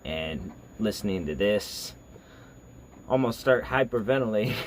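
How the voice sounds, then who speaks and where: A man hosting a reaction video, talking casually in a rambling, halting way full of fillers. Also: on the low side, huge pitch swings, a little hiss or hum. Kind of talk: casual chat.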